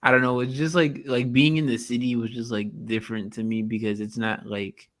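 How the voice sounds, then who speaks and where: A young man from Texas talks in a relaxed podcast chat, circling his points with plenty of fillers. His voice is of ordinary male pitch. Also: a little fast. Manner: hesitant, filler-heavy, lots of "like".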